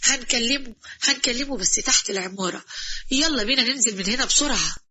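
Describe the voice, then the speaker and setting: A fretful, resigned Egyptian father blurts out pious exclamations at a fast clip, as a woman narrator puts him on for a storybook. His voice is bright and slightly husky. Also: fairly high pitch. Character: fussy, fearful middle-aged Egyptian father.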